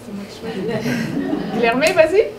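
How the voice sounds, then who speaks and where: A woman's voice: fairly high pitch, big pitch swings, moderate pace. Woman in a roomy hall. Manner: hesitant, many fillers. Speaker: educational consultant. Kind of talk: presenting students at a public event. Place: event hall at a public launch. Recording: roomy hall with loud background noise.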